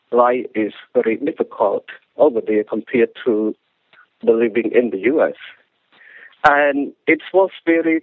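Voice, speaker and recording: A man's voice: medium pitch, no echo. A man from Cambodia, a book author, speaking with a Cambodian accent, answering an interview question earnestly with frequent restarts. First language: Khmer. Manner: earnest, halting with restarts and non-native grammar. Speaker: author, guest. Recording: phone-line dry sound.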